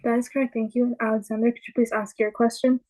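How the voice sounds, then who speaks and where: A woman's voice: fairly high pitch, flat delivery, fast, a little mellow, low-quality recording. A woman reading a prepared lesson as a student presenter in a class. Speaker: student presenter and quiz asker.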